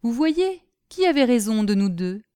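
A woman reading aloud, voicing a calm, kindly middle-aged mayor who speaks with measured authority. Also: on the high side, clear, resonant tone, no echo, studio quality.

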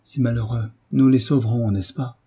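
A man's voice: medium pitch, fairly even intonation, moderate pace, mellow, slightly rough. A man reading the part of an ardent young man, eager and impatient.

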